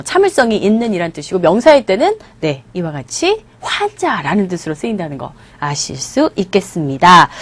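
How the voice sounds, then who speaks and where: Woman teacher going over english phrases, kinda high voice, super dry sound. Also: dry recording. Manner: lively, asks students questions, drills pronunciation slowly. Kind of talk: lecture on English expressions.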